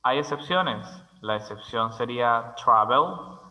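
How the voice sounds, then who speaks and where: Male language teacher, unhurried and methodical, crisp tone, long room reverb. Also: medium pitch, animated, muffled recording. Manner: slow, deliberate, spells words letter by letter. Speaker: English teacher. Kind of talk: grammar lesson.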